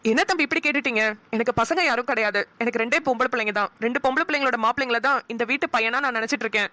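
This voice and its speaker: A woman voices a cartoon mother, speaking quickly in a gentle, reassuring way. Her voice is bright and a little high. The recording is dry and close. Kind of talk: cartoon family comedy voicing.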